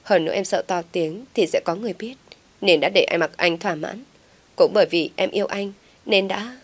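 A woman's voice: medium pitch, fairly quick, lightly acted. A woman voicing a scheming young female teacher who feigns being the victim with tearful pleading. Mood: pleading, sobbing.

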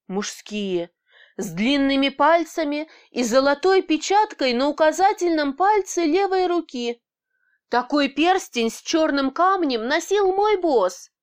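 Woman, high pitch, first-person audiobook narration, lively and expressive delivery.

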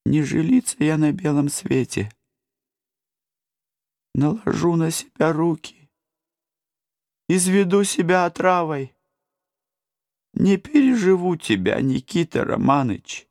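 A man's voice: animated, slow pace, long pauses, a little mellow, no echo, clean studio sound. A man voicing a grieving young noblewoman who pleads desperately with her lover. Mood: despairing. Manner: sobbing, pleading, high-pitched.

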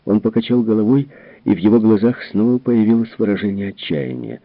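Casting: deep-voiced male audiobook narrator, calm, dry, tinny sound. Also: fairly quick, no room sound. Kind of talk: scripted narration. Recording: tinny narrow-band recording.

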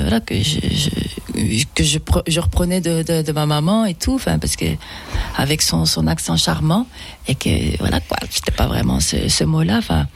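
This low, creaky, slightly rough voice belongs to a female singer, a native Fula speaker, appearing as a guest in a relaxed interview. Her speech is hesitant, full of restarts and repeated words.

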